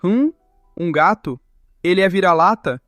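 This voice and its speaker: A man's voice: high voice, lively intonation, unhurried, a bit bright, no room sound, soft background music. A man doing a doting old man cooing. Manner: cooing, playful. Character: elderly man, doting and cat-loving.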